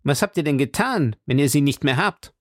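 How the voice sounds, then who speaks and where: A man voicing a suspicious, sharp-eyed male police commissioner who asks probing, doubtful questions. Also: on the high side, animated, a little fast, dry recording, clean studio sound, voice pushed up. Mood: interrogating.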